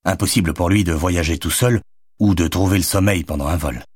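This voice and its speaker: A man reading a novel aloud as an audiobook narrator, in expressive, measured storytelling. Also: low voice, slightly rough, no room sound, studio quality.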